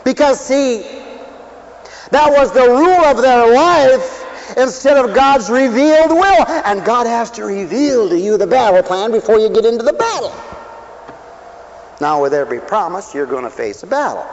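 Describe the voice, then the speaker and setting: High-voiced man preaching a sermon. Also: expressive, moderate pace, lo-fi sound, a little hiss or hum. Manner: swings between loud preaching and low asides, asks the crowd questions.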